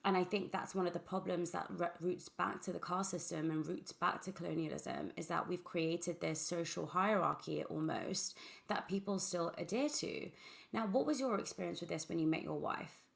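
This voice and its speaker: Young woman host, low gravelly voice, upbeat and eager. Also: moderate pace. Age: young adult. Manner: enthusiastic, warm welcoming. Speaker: podcast host. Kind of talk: casual interview conversation.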